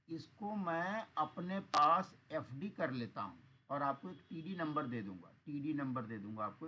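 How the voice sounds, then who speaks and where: A man gives an online accounts lesson in a slightly high voice. He explains patiently and keeps checking that the class follows along. The audio is dull and lo-fi, with a faint hiss underneath. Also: pushed and bright. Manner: patient explaining, asks students rhetorical checks. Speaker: accounts and taxation teacher.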